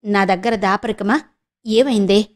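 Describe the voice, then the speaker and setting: A woman's voice: medium pitch, a little slow, lightly acted. A woman voicing a young woman, a firm, protective elder sister who presses with questions. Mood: anxious.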